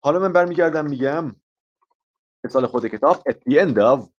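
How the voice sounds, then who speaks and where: A man's voice: on the high side, animated, dull audio. A man teaching an IELTS lesson in a live stream, explaining patiently with examples and switching between two languages. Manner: explains patiently with examples, mixing Persian and English. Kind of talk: live online English lesson.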